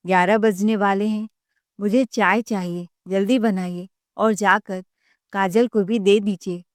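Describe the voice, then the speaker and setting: Spoiled younger brother, demanding, indignant, middle pitch, dry close sound, voiced by a woman. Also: steady tone, measured pace, no room sound, lightly acted.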